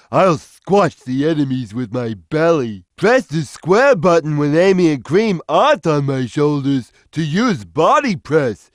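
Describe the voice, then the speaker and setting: Big the Cat, a slow, gentle cartoon cat. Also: male voice, fairly high pitch, dry recording, clean studio sound. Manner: slow, simple, deliberate instructional delivery. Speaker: video game character giving tutorial hints. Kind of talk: scripted game tutorial voice lines.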